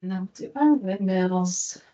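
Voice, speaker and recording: A woman's voice: mid-range voice, slow, mellow, dull audio. A woman leading an exercise class as instructor, giving cues and countdowns in an encouraging, peppy manner. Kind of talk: workout coaching with cues and countdowns.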